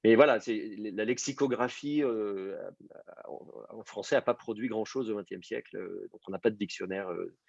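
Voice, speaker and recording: A man's voice: fairly low pitch, normal speed, creaky, no echo, lo-fi sound. A man teaching an online class, explaining patiently with many fillers and restarts. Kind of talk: online class on biblical Hebrew.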